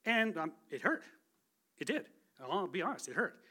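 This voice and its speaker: High-pitched and very animated, this man's voice is bright, forceful, and husky, moving at a moderate pace. In his forties and appearing as a guest speaker, he gives a chatty, casual testimony from a church sanctuary pulpit, laughing at his own expense.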